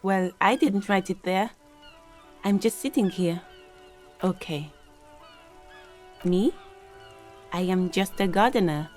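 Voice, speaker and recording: An actress voicing a polite, guarded gardener in a video game, speaking in a reserved way. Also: female voice, mid-range voice, slow pace, pauses often, a little mellow, soft background music, close to an everyday voice.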